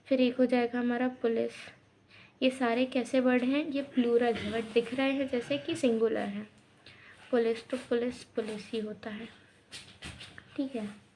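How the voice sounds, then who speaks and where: A woman's voice: a little high, flat delivery, unhurried, darkish tone, slight background noise. A young woman teaching an English grammar lesson, explaining step by step and often checking in with her students.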